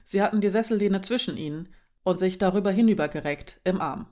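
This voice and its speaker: A woman reading a German novel aloud in calm, steady scripted narration. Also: mid-range voice, fairly quick. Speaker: audiobook narrator.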